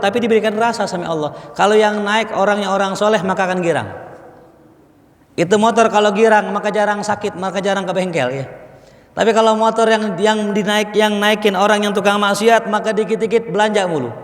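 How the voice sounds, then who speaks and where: A man preaches a study sermon in a mosque in a conversational way, asking his listeners questions and telling stories. His voice is high-pitched, and the sound is reverberant, like a big room.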